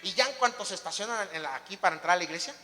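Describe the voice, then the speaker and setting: An emphatic pastor preaching a sermon in a high, bright and forceful voice. He keeps asking his congregation questions, and his voice rings out with the long reverb of a church hall. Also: expressive, rapid-fire, a little hiss or hum.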